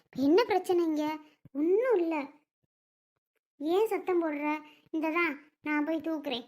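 A woman playing an angry, bossy housewife who scolds the household in sharp commands. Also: very high-pitched, unhurried. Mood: irritated.

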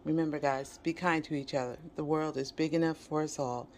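A woman's voice: deep voice, steady tone, a little fast. A woman vlogger casually narrating her home cooking in a kitchen, talking to her viewers. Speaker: vlog host. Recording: faint kitchen room noise. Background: faint kitchen background noise.

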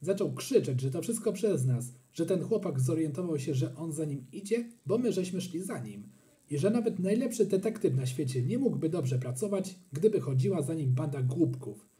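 A man narrating a children's storybook in an expressive, animated manner. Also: on the high side, moderate pace. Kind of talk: storybook reading.

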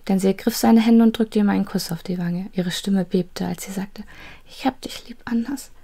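A woman narrating a children's fantasy story in a steady, suspenseful storytelling manner. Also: fairly low pitch, creaky.

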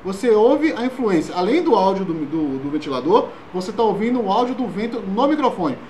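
A man vlogging with a desk fan blowing straight into his microphone, so wind noise rushes over his chatty, joking voice. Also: high voice, big pitch swings, darkish tone. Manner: chatty, self-mocking. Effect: wind from a desk fan blowing into the mic. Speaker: video creator. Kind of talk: casual tutorial vlog. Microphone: external microphone with wind protector.

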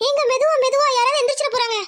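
A shy, fearful young village woman in a cartoon love story, played by a woman. The voice is squeaky-high and bright, and it rushes along in anxious, hushed pleading. She sounds torn and nervous throughout. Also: fairly even intonation. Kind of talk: cartoon voice acting.

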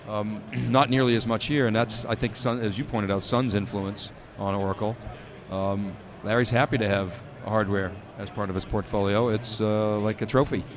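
A middle-aged man with a lowish voice offers live commentary from a booth at a busy conference. He talks in long analytical runs, stacking points with ums and uhs, and the chatter of a crowd hums behind him. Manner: analytical, rambling with fillers. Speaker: tech show co-host. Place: conference hall studio booth. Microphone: handheld stand mic.

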